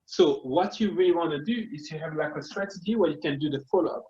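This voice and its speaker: A man with a Congolese French accent, a marketing consultant appearing as a guest, earnestly explains his ideas step by step in casual interview talk. His voice is mellow and fairly high, his pace quick, and the highs are cut off. He often restarts his sentences.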